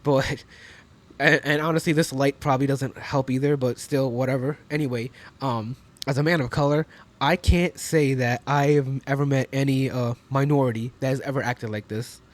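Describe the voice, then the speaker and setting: A man's voice: mid-range voice, fairly even intonation, normal speed. A man in his twenties giving casual, profane reaction commentary at home, chatty and full of slang. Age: 20s. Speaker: reaction streamer.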